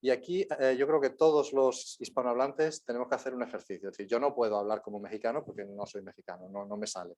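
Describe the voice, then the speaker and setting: A man's voice: medium pitch, fairly even intonation, fast, hardly any pauses, a little mellow. A man with a Spain Spanish accent, a guest lecturer answering questions in a university lecture room, rambling on with frequent tag questions.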